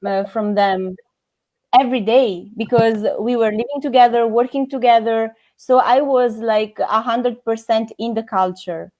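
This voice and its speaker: A woman speaks in a fairly high voice, taking her time over every answer. She pauses often and restarts her sentences as she searches for the right words. Her tone is reflective, like someone thinking out loud in an interview. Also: steady tone. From Italy. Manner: hesitant, searching for words with many fillers and restarts. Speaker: interviewee, former NGO volunteer.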